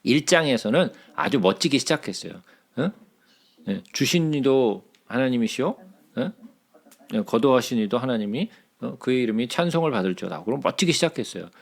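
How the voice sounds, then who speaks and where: A man's voice: mid-range voice, lively intonation, fairly quick, vocal fry. A man teaching a Bible study in a conversational way, often checking in with his listeners with short questions.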